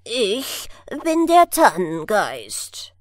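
A woman voicing a stern male fir-tree spirit, a little gnome grown huge, who scolds loudly and slowly in a storybook. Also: wildly swooping pitch, no room sound, clean studio sound, full character voice. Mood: reproachful. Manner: booming, scolding, slow and solemn.

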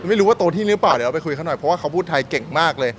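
A man's voice: on the high side, expressive, very fast, a little hiss or hum. A man interviewing someone casually, chatty and informal, with plenty of little interjections.

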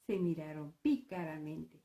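A woman narrates a children's story, slow and expressive, asking her listeners questions along the way. Her voice is mellow and unhurried. It is recorded live in an echoey museum hall. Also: low voice. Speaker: storyteller and author. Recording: echoey room.

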